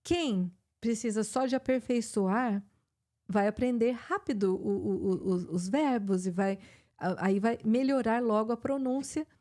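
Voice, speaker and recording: A woman's voice: on the high side, unhurried, warm tone. A middle-aged woman with a Brazilian Portuguese accent, an English teacher hosting a live chat and explaining with many fillers and restarts.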